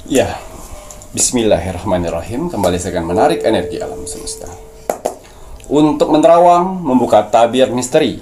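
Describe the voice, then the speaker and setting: A man's voice: medium pitch, mellow, a little hiss or hum. A man speaking as a spiritual medium, giving preachy mystical advice and coaching his listeners. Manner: preachy, coaching tone, addresses viewers as "sayang".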